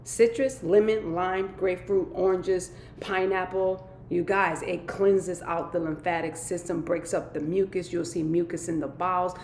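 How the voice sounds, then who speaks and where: A woman with a somewhat low, congested voice chats upbeat and casual through a live stream, leaning on catchphrases. She sounds a little nasal. The room is echoey, with a faint rumble underneath. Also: flat delivery, normal speed, hardly any pauses, a little mellow. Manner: upbeat, chatty, repeats catchphrases. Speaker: vlogger hosting a weekly live stream.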